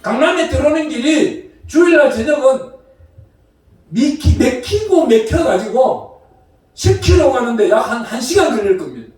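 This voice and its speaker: Brief: male pastor, very high voice, lively sermon, distant mic in a roomy church. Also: normal speed. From Gyeongsang region, South Korea. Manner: lively preaching with shouted call-and-response. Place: church sanctuary. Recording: roomy echo from far off the mic.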